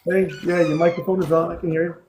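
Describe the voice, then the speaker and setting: A man with a somewhat high, gravelly, creaking voice hosts a live show. He speaks casually and encouragingly to his guests, often repeating a phrase to drive it home. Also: level tone, quick pace, a little mellow. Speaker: live dating show host. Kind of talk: casual live hosting and interview.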